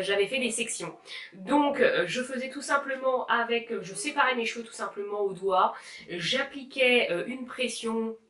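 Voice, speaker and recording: A woman in her thirties chats through a haircare vlog at home, with a mid-range voice. She laughs often and fills her pauses with "euh". The room sounds echoey, and children can be heard playing now and then. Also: mid-range voice, fairly bright tone. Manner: chatty, laughs often, many fillers. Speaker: beauty vlogger. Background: children playing in the background.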